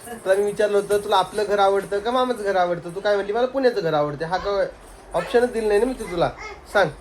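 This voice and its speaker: A woman's voice: medium pitch, quick pace, a little mellow, slight background noise. A young woman, chatting to viewers in a family vlog while coaxing and scolding children. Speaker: family vlogger. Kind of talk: casual family vlog talk.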